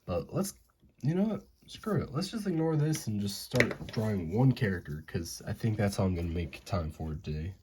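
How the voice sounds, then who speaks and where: Indoors at home, with some background noise, a young Southern American man who runs an animation channel chats casually as he draws. His voice is on the low side and animated at a moderate pace, and he rambles and cracks jokes to himself.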